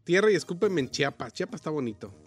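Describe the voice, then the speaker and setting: A man's voice: on the high side, lively intonation, fast talker, husky. A man with a Mexican Spanish accent in casual radio banter, reading out listener messages. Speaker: radio show panelist.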